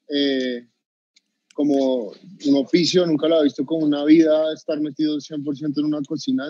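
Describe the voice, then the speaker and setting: This man in his thirties speaks with a Bogotá Colombian Spanish accent, his voice on the high side and a little mellow, with no echo. A chef guest, he tells his story over a video call, hesitating often with fillers and restarts. The webcam audio sounds dull and dry.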